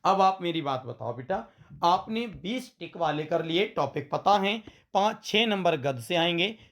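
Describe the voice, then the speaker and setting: A man's voice: high voice, lively intonation, a little slow, fairly bright tone. A man teaching an exam-prep lesson with a western Uttar Pradesh Hindi accent, who often calls his students "beta" and repeats his points back as questions. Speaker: coaching teacher.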